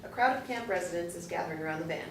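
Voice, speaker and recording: A woman reading a screenplay's stage directions aloud in a measured, matter-of-fact way. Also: on the low side, animated. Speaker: narrator. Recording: roomy, distant from the mic, faint noise.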